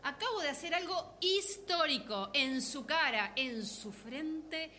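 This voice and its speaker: A self-satisfied, brash woman in a comic drama, high and bright. She boasts dramatically, with some ambient noise behind her. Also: lively intonation, takes it slowly, full character voice. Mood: triumphant.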